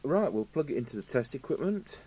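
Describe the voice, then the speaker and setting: A very animated man from the United Kingdom, speaking a little fast in a mellow mid-range voice with an English accent, muses aloud in rambling workbench commentary, like a radio repair technician. He's at an indoor electronics repair bench, with clear background noise and electrical hum.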